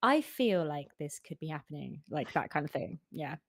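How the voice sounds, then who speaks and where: A woman with a fairly low voice chats as a student in an easygoing lesson. Her talk is relaxed and jokey. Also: moderate pace, vocal fry. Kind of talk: casual lesson chat.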